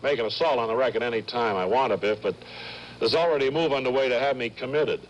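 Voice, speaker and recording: A man playing an earnest, hapless yo-yo champion in a deadpan comedy interview, rambling and hesitant. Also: mid-range voice, fast talker, close to an everyday voice, rough recording. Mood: earnest, forlorn.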